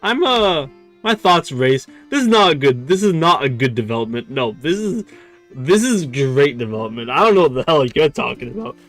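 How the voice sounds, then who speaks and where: A young man streaming a dating game, excitable, laughing often and repeating words as he stammers. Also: medium pitch, a little fast, faint music behind. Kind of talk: reading a dating sim aloud on stream.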